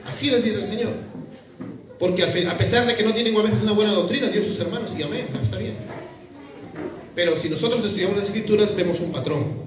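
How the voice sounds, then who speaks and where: A man's voice: sits high, quick pace, background noise. A man, preaching a sermon in a conversational way, full of rhetorical questions. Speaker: pastor. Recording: echoey room from far off, with a crowd.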